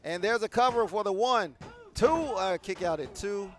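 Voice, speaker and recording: High-voiced excitable male wrestling announcer. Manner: rapid play-by-play that bursts loud on big moves. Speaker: play-by-play wrestling commentator. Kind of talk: live wrestling commentary.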